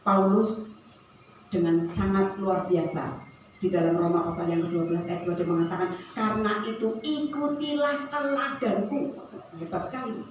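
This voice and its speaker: A woman's voice: fairly low pitch, fairly even intonation, moderate pace, a little mellow, a little hiss or hum. A woman preacher giving a sermon in a church, telling stories in a loose, conversational way. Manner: conversational storytelling, tangents and light laughs. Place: church hall. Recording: very echoey hall from far off.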